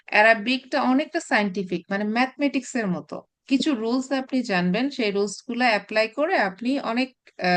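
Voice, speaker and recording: A woman teaching a recorded Arabic class, explaining patiently with many pauses and restarts, mixing in English terms. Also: on the high side. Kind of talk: recorded online class lecture.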